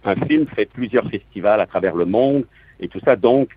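A man's voice: on the low side, expressive, normal speed, slight background noise. A man from southern France with a Quebec French accent, a stage actor talking as a radio guest over the phone, hesitant and reflective with many restarts. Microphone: telephone. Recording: tinny phone line.

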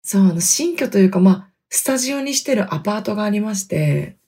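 A woman around thirty from Hokkaido, hosting her own podcast with chatty, self-deprecating solo talk, speaking quietly from inside a closet. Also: medium pitch, lively intonation, quick pace, breathy edge. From Hokkaido, Japan. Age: 30s. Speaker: podcast host. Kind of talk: casual solo podcast chat. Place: inside a closet in a wooden apartment studio. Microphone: computer mic in closet.

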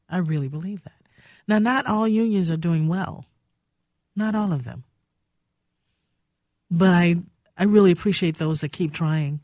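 A woman's voice: low voice, darkish tone, no room sound. An older woman hosts a radio talk show from a studio. She tells stories in a heartfelt, reminiscing way, and her voice sits close and dry with no room sound.

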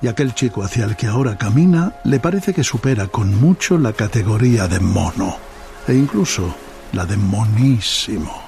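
Low, gravelly Spanish male narrator. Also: expressive, normal speed, darkish tone. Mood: wry. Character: wry storytelling narrator. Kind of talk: scripted film narration.

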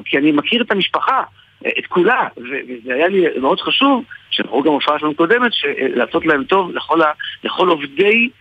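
Husky Israeli man, rather high voice. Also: no echo. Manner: halting, repeats and restarts phrases. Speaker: guest, stage performer. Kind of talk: casual anecdote storytelling. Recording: muffled radio or phone-like sound, dry.

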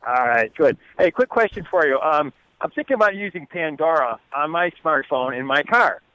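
A man calling into a radio show, asking friendly quick questions. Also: on the high side, animated, pushed and bright, dry recording, poor audio. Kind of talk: phone-in question.

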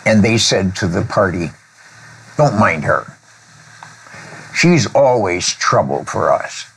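An older man tells a children's story slowly and carefully. His voice sits low but moves a lot in pitch. He stops to clear his throat now and then, and faint noise sits behind him. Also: sing-song, a bit bright, poor audio. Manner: slow, deliberate storyteller who clears his throat and pauses often. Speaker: author and former preacher. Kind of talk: telling a children's story in a conversation.

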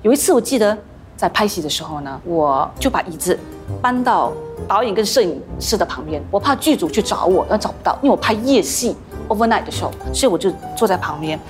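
A woman actress, the guest in a podcast interview, telling stories with animated acted-out voices. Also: medium pitch, fairly quick, music in the background. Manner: animated storytelling, acts out quoted voices.

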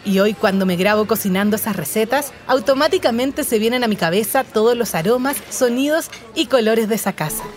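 A young Chilean woman with a Chilean accent, calmly narrating her own life story in a scripted, reflective way. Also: on the high side, a little fast, hardly any pauses, some chatter behind. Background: music under the voice.

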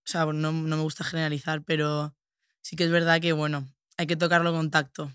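A woman's voice: deep voice, little pitch movement, a little fast, a bit bright, smooth, no room sound, clean studio sound. A young woman with a Sevillian accent, a podcast guest talking in a reflective, casual way with lots of fillers and tag questions. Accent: Sevillian Spanish. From Spain.

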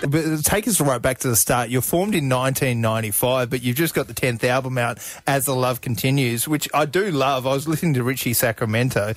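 A man's voice: mid-range voice, a little fast, few pauses, no echo. A man hosting a radio show, cracking jokes in upbeat banter. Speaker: radio host.

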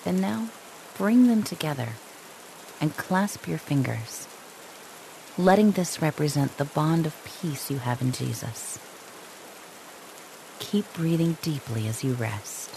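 Soft, slow-spoken woman guiding meditation. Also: low-pitched, creaky, slight background noise. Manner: slow, soft and calming, with long pauses. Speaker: meditation guide.

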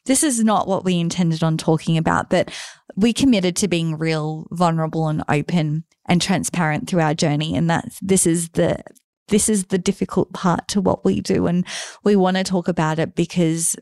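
Encouraging low-voiced woman co-host. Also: steady tone, moderate pace, a little mellow, no echo, clean studio sound. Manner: encouraging, reflective. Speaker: podcast co-host. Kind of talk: casual podcast chat.

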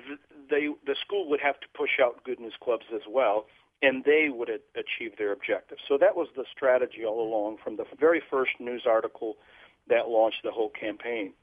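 A man's voice: mid-range voice, normal speed, breathy edge, no room sound. A man from Portugal, a guest explaining his ministry earnestly in a radio interview. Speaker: guest, children's ministry leader. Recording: tinny phone line.

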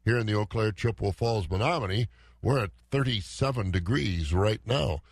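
A man's voice: fairly low pitch, moderate pace, vocal fry, husky, no room sound, clean studio sound. A man, a morning radio host reading weather and market prices in conversational, clipped phrases.

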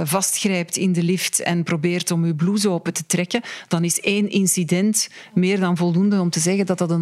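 Flemish woman expert, interview, measured and hesitant. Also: fairly low pitch, darkish tone. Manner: measured, frequent tag "hè" and hesitations. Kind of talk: explanatory interview.

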